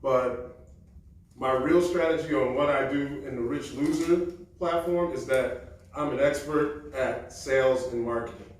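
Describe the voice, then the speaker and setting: A man giving a relaxed, confident self-introduction at an event, with frequent ums. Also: medium pitch, a little slow, slight background noise. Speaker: event speaker. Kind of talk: casual self-introduction talk. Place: event room. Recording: echoey room from a distance.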